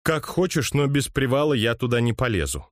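A man reading an audiobook voices a wry, sharp-tongued young woman with a teasing tone. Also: mid-range voice, lively intonation, a little fast, dry recording, studio quality, voice pushed up, lightly acted. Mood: sarcastic. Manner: teasing, sarcastic.

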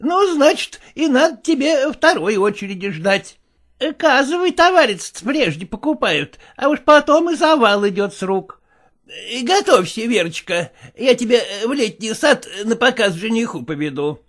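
A woman reading a story aloud, voicing a sharp, coarse old mother scolding her grown daughters. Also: a little high, sing-song, normal speed, pitched below the performer's own voice. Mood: scornful. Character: scolding old widowed mother of two spinsters. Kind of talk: audiobook character voice.

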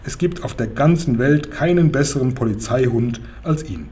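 A pompous middle-aged police sergeant from a children's storybook, as a male reader puts him on. He speaks with hearty self-importance, full of official certainty. The tone stays warm and mellow, with a faint hiss behind it. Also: medium pitch, lively intonation, normal speed, close to an everyday voice.

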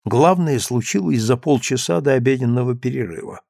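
A man's voice: mid-range voice, a little fast, creaky, darkish tone, no room sound. Man narrating a novel, dry close sound. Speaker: audiobook narrator. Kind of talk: scripted dramatic narration of a novel.

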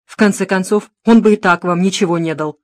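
A woman's voice: lowish voice, fairly quick, darkish tone, no echo, lightly acted. Woman reading male private detective, stern, mocking, dry sound, audiobook. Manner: stern, needling. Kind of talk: audiobook narration.

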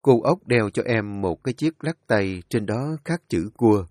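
A man narrating an emotional family story in a slow, expressive storytelling manner. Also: lowish voice, no room sound, studio quality.

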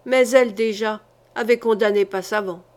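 A woman reading a historical novel aloud as an audiobook, in a measured, dramatic storytelling manner. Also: medium pitch, fairly even intonation, a little mellow. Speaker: audiobook reader. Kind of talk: literary audiobook narration.

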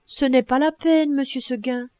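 A woman's voice: high voice, steady tone, normal speed, darkish tone, smooth, no echo, dull audio, close to an everyday voice. A woman voicing a restless young female goat who pleads sweetly and insistently. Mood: pleading.

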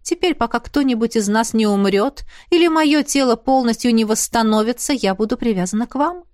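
A woman's voice: fairly high pitch, animated, brisk, darkish tone, no echo, studio quality, natural voice. A woman voicing a proud, ghostly fairy queen in an audiobook, speaking in a commanding way. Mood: explaining.

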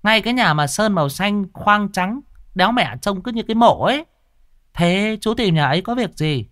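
A woman's voice: medium pitch, expressive, normal speed, a bit bright, pitched above the performer's own voice, close to an everyday voice. A man voicing a foul-mouthed, gossipy village tea-stall woman. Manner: chatty, coarse, gossipy.

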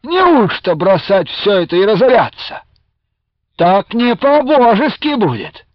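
A man's voice: high voice, sing-song, unhurried, dry recording, pitched above the performer's own voice. A man reading aloud and voicing an old, toothless Cossack man with a squealing, fawning voice, in a dull lo-fi radio recording. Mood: fawning complaint. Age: older. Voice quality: squealing, obsequious.

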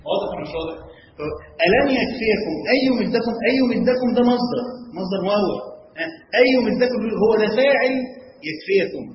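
A man with an Egyptian Arabic accent teaching a Quran commentary class. He keeps asking his students questions and reads the verses in a slow chant. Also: sits high, lively intonation, slight background noise. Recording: echoey, dull hall recording.

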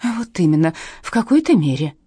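A woman voicing a level-headed, sarcastic woman friend with a husky, dark voice. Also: mid-range voice, big pitch swings, dry recording, clean studio sound. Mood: exasperated. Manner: brisk, sarcastic. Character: sharp-tongued sensible woman friend, sarcastic.

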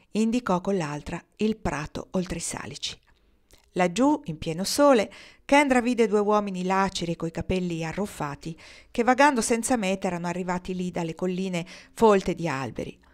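Female audiobook reader, measured literary narration. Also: medium pitch. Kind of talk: novel read aloud.

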